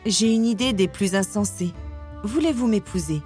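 Woman reading a gentle, courtly young prince. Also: medium pitch, normal speed, close to an everyday voice. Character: charming young prince, smooth suitor. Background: music.

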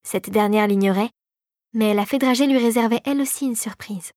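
A woman narrating a Christmas fairy tale audiobook in a calm, measured storytelling voice. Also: on the high side, no room sound, studio quality.

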